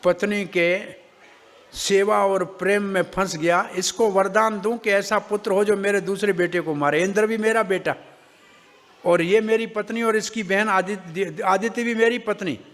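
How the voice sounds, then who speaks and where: A man's voice: high-pitched, steady tone, measured pace, fairly bright tone, big-room sound. A man doing a troubled old sage. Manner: troubled, reasoning aloud. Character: torn old male sage, husband.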